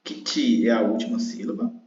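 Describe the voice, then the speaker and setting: A man's voice: fairly low pitch, very animated, moderate pace, a little mellow. A man with a Brazilian Portuguese accent, a teacher patiently explaining a grammar exercise and drawing out words syllable by syllable. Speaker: online exam-prep teacher. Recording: roomy, dull lo-fi sound.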